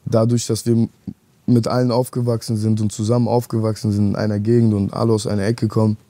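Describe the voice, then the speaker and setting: Casting: young man, low mellow voice, flat even delivery, earnest and hesitant, dry studio mic. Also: fast talker, dry recording. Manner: hesitant, earnest, many restarts. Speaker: rapper, interview guest. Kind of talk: reflective interview talk. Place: dark studio set, seated on leather couch.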